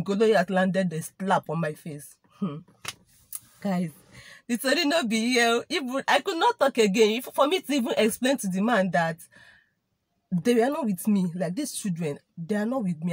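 A woman's voice: mid-range voice, breathy edge, dry recording. A young woman with a Nigerian English accent talks straight to her viewers in a loose, chatty storytelling voice. She mixes Igbo and Pidgin phrases into her English. The sound is dry and close, with no room around her. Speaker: vlogger. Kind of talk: casual storytime monologue.

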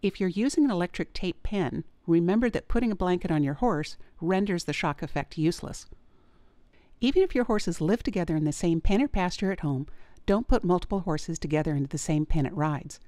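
Low-voiced woman narrating horse safety tips. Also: dry recording. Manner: calm, measured, clear advice. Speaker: veterinarian narrator. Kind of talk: scripted instructional narration.

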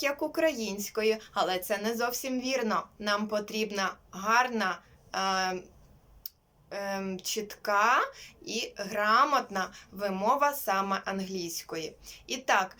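A young woman teaching English to young children, modelling each sound clearly, asking them to repeat and praising them warmly. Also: mid-range voice. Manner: warm praise and diminutives for children. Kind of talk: online primary-school lesson.

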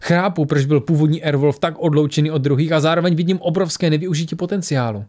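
Guy reading as a lonely lost spirit talking through someone, voice climbs higher. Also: a little mellow, lightly acted. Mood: lonely, searching. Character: theatrical man channeling a lonely spirit.

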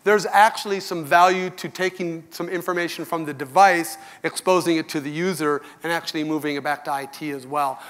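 A middle-aged man speaks from a big conference stage through a headset mic. His voice sits somewhat high for a man. He talks in an earnest, conversational way, frank with his audience of customers. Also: fairly bright tone. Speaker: company executive giving keynote. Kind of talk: conference keynote speech.

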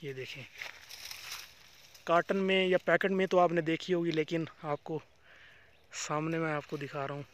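A man's voice: a little high, fairly even intonation, moderate pace, long pauses, a little hiss or hum. Chatty man touring a date farm. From Pakistan. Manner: chatty, keeps pointing things out to viewers. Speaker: vlogger. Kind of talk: casual walking tour vlog. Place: outdoors in a date palm farm.

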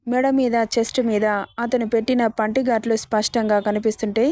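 A woman's voice: fairly high pitch, little pitch movement, fairly quick, darkish tone, no room sound. Woman narrating a dramatic story. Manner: reads every character's lines in her own voice.

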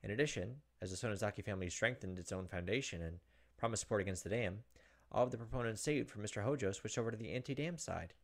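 This let's play host, a man in his thirties, narrates a visual novel with dramatic reading broken up by offhand comments. He speaks quickly in a lowish voice while gentle game music plays behind him.

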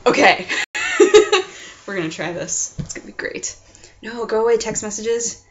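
A woman's voice: mid-range voice, a little fast, slight background noise. A woman in her twenties chats casually as a vlog host at home, rambling playfully and acting out what she describes. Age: 20s. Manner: playful, rambling, acts out sounds and quotes. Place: small furnished room at home, indoors. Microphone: computer webcam mic at arm's length. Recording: dull lo-fi webcam sound.

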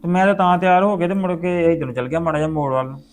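A man playing a caring widowed father who talks to his daughter in a gentle, coaxing way in a web series drama. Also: a little high, very fast, soft background music, close to an everyday voice.

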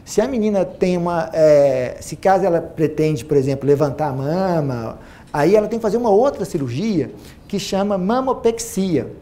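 A man in his forties with a Minas Gerais accent, a plastic surgeon giving an animated seminar talk to a large audience on a lapel mic, repeating phrases for emphasis. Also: high voice, moderate pace. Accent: Brazilian Portuguese, Minas Gerais. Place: auditorium stage with a large audience.

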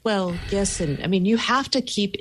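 A woman's voice: medium pitch, moderate pace, slight background noise. A woman co-hosting a casual podcast chat, talking candidly and wryly. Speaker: podcast co-host.

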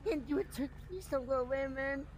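A woman's voice: high voice, fast, a little mellow, a little hiss or hum. A woman in casual role-play game banter, pleading and swearing.

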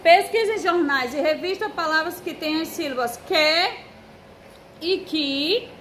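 This rough recording, with a little hiss or hum, captures a Brazilian Portuguese–accented primary teacher giving a recorded first-grade class remotely. Her voice sits high with a fairly bright tone, and she spells out letters and syllables patiently at a measured pace.

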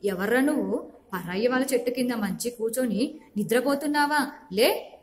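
A teacher voicing a miserly, angry old village man who shouts and scolds. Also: a little high, animated, normal speed, lightly acted. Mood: angry shouting.

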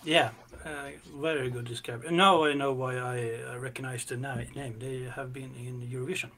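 A man co-hosting a music reaction chat, talking haltingly with many fillers and restarts. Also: mid-range voice, fairly even intonation, bright, forceful tone. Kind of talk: casual chat.

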